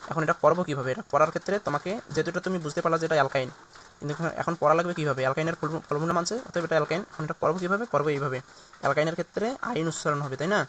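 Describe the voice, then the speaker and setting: A man's voice: a little high, very fast, a bit bright, a little hiss or hum. A man teaching a recorded chemistry lesson, walking through each step and asking and answering his own questions.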